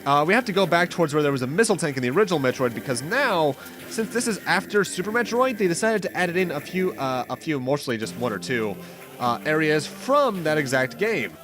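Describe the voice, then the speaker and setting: A man with a high, sing-song voice hosts a let's play, commenting briskly in a casual, rambling way. He's chatty and mildly wry, and video game music plays in the background.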